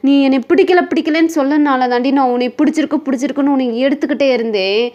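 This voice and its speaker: Woman doing a young male kidnapper, possessive, insistent, repetitive, lowered voice, muffled lo-fi audio. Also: racing, darkish tone. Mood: pleading. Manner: insistent, repeating lines over and over.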